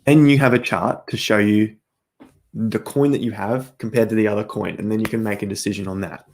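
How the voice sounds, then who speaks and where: Host type: low, gravelly man, chatty livestream chart talk straight to camera, voice fraying and hoarse. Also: fairly even intonation, a little fast, a little mellow. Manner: chatty, talks straight to viewers while walking through charts. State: losing his voice, coughing. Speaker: crypto market host. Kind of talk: casual livestream chart commentary.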